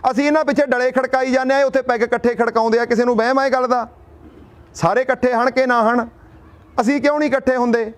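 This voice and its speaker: This middle-aged speaker from Punjab, India, addresses a protest sit-in outdoors with fiery conviction. His pitch is extremely high and his tone steady, and he moves quickly through rhetorical questions and folksy anecdotes.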